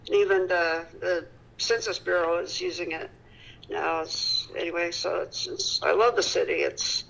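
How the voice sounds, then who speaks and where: A woman's voice: on the low side, normal speed, vocal fry, a bit bright, low-quality recording. A woman in her fifties from Indiana, a city council candidate chatting over the phone in a rambling, self-correcting way. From Peru, Indiana. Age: 50s. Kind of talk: casual phone chat. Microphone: telephone.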